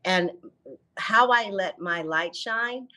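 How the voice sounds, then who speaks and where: A woman's voice: mid-range voice, slow. A woman in her fifties, a podcast guest, talking animatedly and acting out quotes as she tells stories. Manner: animated storyteller, acts out quotes, laughs. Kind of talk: casual interview chat.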